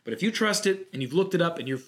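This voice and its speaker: A man co-hosting a podcast, chatting casually and airing opinions with lively asides. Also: on the high side. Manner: animated, opinionated, quick asides. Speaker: podcast co-host. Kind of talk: casual chat.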